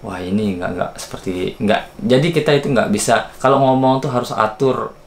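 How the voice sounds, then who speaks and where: A man's voice: medium pitch, normal speed, vocal fry. A man casually tells a personal story, confiding in the viewer. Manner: chatty, confiding, talks straight to the viewer. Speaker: vlogger. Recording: echoey room, faint noise.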